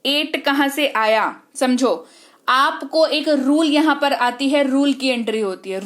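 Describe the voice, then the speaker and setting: High-voiced Indian woman teaching English. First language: Hindi. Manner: brisk, drills terms, checks with "ठीक है?". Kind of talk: online lesson.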